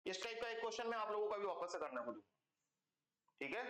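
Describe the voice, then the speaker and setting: A man's voice: high voice, big pitch swings, quick pace, fairly bright tone, roomy sound. A man teaching a math class online, explaining step by step and checking in with his students again and again, calling them kids. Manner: calls students "beta" and "bachcho".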